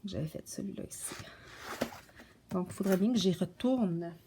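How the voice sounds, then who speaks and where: A woman casually showing her coloring books, soft-spoken and stumbling over English titles. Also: mid-range voice, normal speed, background noise. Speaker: coloring book vlogger. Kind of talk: casual show-and-tell chat.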